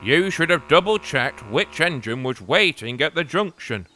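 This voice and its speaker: A man's voice: a little high, very animated, normal speed, sharp tone, a little hiss or hum. A man voicing a stern older male railway boss who speaks severely. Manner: severe, scolding.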